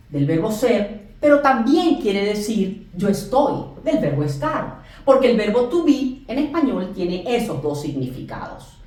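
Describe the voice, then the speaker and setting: A woman teaching a class, explaining grammar at a board and slowly drawing out example phrases for emphasis. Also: medium pitch, darkish tone, recorded from a distance. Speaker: English teacher. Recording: very echoey room, voice off-mic.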